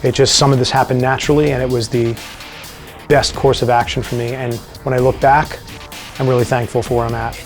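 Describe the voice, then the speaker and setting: A man with a New York accent answering viewer questions in a casual vlog, relaxed and wry with dry jokes. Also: mid-range voice, brisk, soft background music.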